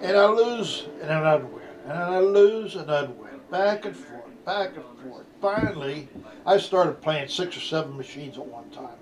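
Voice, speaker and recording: A man's voice: on the high side, expressive, normal speed. An older man with a grandpa voice tells a casual, rambling family anecdote in a folksy, salty way. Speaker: grandfather telling family stories.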